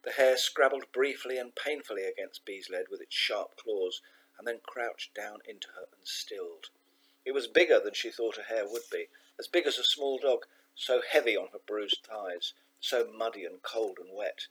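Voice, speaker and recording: A man reading a children's novel aloud, measured and expressive, slowing down for emphasis. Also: fairly low pitch, slightly rough, poor audio. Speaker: audiobook narrator. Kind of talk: scripted narration of a children's novel.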